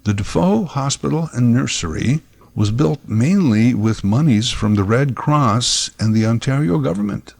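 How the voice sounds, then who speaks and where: A man's voice: medium pitch, vocal fry, a little mellow, no room sound. A man giving scripted documentary narration in a conversational way, recorded on a close microphone.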